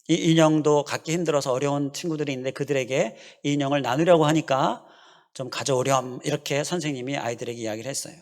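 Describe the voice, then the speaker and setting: A man, a pastor, preaching a sermon, swinging between loud emphatic phrases and hushed storytelling, then leading a prayer. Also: fairly high pitch. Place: church sanctuary. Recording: long church reverb.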